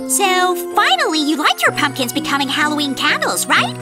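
A woman's voice: high-pitched, wildly swooping pitch, moderate pace. A woman voicing a plucky, cheerful little woodland sprite in a children's cartoon, childlike and exclamatory, with music behind. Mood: playful.

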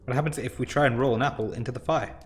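A man's voice: medium pitch, rapid-fire, soft background music. A man casually commenting on indie games as he plays, in a chatty, rambling, self-deprecating way. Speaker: game showcase host. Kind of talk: casual let's-play commentary.

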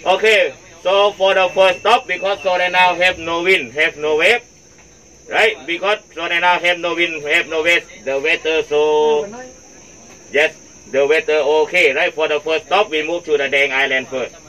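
A tour guide with a Thai accent, his voice muffled by a face mask, explains the day's plan to a group in simple, broken English. His tone is bright and forward and sits a little above the usual male pitch. He keeps circling back to the same points and tags them with "right?". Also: steady tone, moderate pace. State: speaking through a face mask. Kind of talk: briefing a boat tour group.

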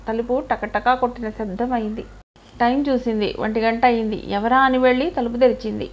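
Woman narrating an audio story. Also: fairly high pitch.

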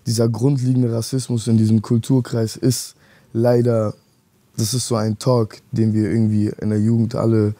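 A young man in his twenties, a rapper being interviewed, talking earnestly and hesitantly with many restarts in a dark studio. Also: medium pitch, level tone, moderate pace, no echo. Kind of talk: reflective interview talk. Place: dark studio set, seated on leather couch.

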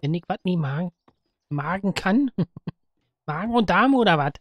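A woman's voice: fairly low pitch, expressive, unhurried, no echo. A woman giving chatty let's-play commentary, giggling, teasing the enemies and slipping into sing-song rhymes. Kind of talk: casual gameplay commentary.

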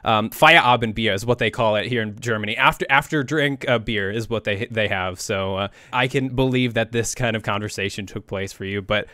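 Guy hosting a gaming podcast, smooth bright voice, friendly sign-off, dry close mic. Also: lowish voice, fairly quick, hardly any pauses, dry recording. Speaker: podcast host. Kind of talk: casual podcast outro.

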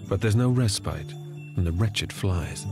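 A man reading scripted nature documentary narration in a measured storytelling manner. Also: fairly low pitch, creaky. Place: studio voice-over. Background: background music.

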